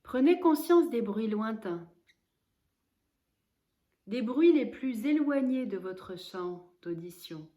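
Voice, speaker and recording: Calm and measured, this yoga nidra instructor leads a guided relaxation, pausing between her instructions. Her voice is a little high.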